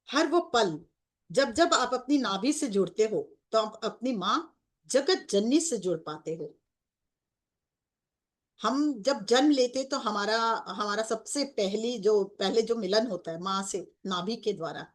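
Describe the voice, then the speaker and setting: Slow, devotional woman guiding meditation. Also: medium pitch. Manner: slow, devotional, mixing in English words. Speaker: meditation guide. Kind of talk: guided meditation.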